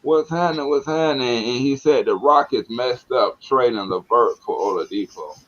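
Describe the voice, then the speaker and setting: A man with a Southern American accent hosting a casual sports chat, excitable and slangy, often laughing. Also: medium pitch, moderate pace, highs cut off. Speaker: sports talk show host.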